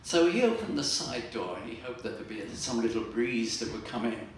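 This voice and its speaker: An older man doing stand-up comedy at a live fundraiser, telling dry jokes with pauses and fillers. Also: medium pitch, animated. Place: library fundraiser event room. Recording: echoey room from far off, noisy.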